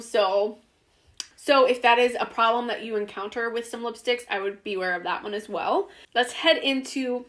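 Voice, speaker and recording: A woman's voice: on the high side, fairly bright tone. Chatty woman reviewing lipsticks. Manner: chatty, with fillers and restarts. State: losing her voice. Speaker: beauty vlogger. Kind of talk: casual product review.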